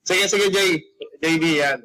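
A man chatting casually on a livestream, joking and giving shoutouts to viewers. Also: high-pitched, a little slow, rough recording.

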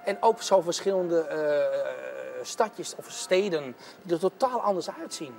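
Brief: enthusiastic male interviewee, middle-aged, slightly high voice, faint background hiss. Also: animated, unhurried, gravelly, darkish tone. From Amsterdam. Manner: candid, enthusiastic, restarts often. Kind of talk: casual interview answers. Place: theatre stage.

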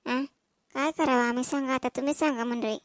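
A woman's voice: high-pitched, fairly even intonation, a little fast, no echo, clean studio sound, natural voice. A woman voicing a stern village farm owner in a cartoon, lecturing and complaining. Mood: grumbling. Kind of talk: dubbed cartoon voice.

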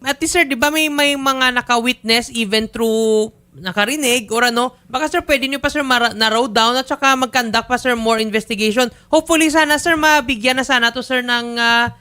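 A man's voice: very high-pitched, a little fast, sharp tone, clear, resonant tone. A man hosting a public-service interview show, pressing his callers firmly but politely. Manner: firm, pressing questions, polite "sir" and "po". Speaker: host.

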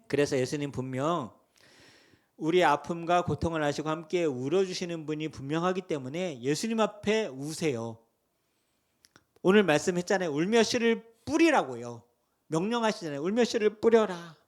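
A male pastor preaching a Sunday sermon with passion, asking the congregation questions and swinging between hushed lows and loud cries. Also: expressive, normal speed. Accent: Seoul Korean.

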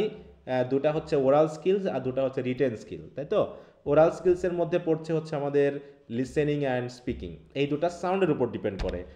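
A man with a Bangladeshi Bengali accent and a slightly high, mellow voice teaches an English class online. He explains things step by step and keeps checking in with students through questions, in an echoey room.

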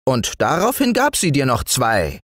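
A high, thin-voiced forest dwarf. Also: male voice, a little slow, no room sound, studio quality. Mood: scolding. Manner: scolding, lively. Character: small gray male forest dwarf, stern but kindly. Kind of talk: storybook reading.

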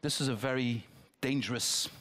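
An older politician from the Netherlands, miked with a headset on a theatre stage, answers questions from the audience in a town-hall dialogue. He speaks at normal speed in a medium-pitched, somewhat bright voice. Thoughtful in manner, he restarts phrases and adds asides.

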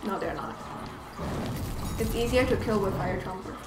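A woman's voice: medium pitch, expressive, moderate pace, roomy sound, loud music behind the voice. A woman playing a co-op video game at home, asking questions and cheering her partner on affectionately. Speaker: co-op gameplay player. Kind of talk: casual gameplay chat.

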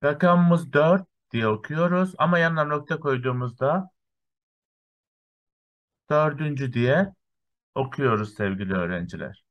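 Male primary teacher, patient, counts step by step, slow lesson for small children. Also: on the high side, expressive, dull audio. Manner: counts through lists step by step, often saying "sevgili öğrenciler".

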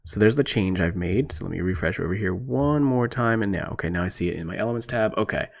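A man giving a casual screencast lesson as an instructor, thinking aloud in a relaxed way with many fillers. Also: lowish voice, fast talker, creaky. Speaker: programming instructor. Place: indoors at a computer, voice-over on screen recording.

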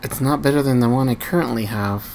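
A man's voice: mid-range voice, fast talker, vocal fry, a little mellow, slight background noise. A man hosting his own gaming channel, giving casual play-by-play commentary, slightly nervous and stumbling, grumbling and muttering at the enemies he fights. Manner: self-deprecating, a bit nervous and stumbling. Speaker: gamer channel host.

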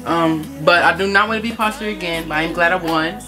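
A woman's voice: lowish voice, fast. A woman YouTuber chatting casually and jokingly while playing a game, with dramatic playful outbursts. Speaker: gaming YouTuber. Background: game music.

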